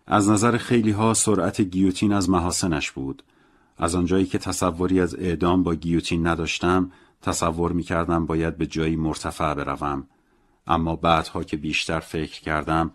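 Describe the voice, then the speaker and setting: A man reading a novel as a first-person audiobook narrator, in a calm, measured and reflective way. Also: a bass voice.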